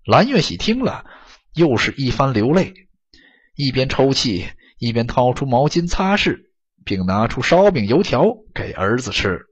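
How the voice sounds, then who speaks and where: A man narrating an audiobook story in an expressive, dramatic storytelling manner, on a dull lo-fi recording. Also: medium pitch, unhurried, slightly rough.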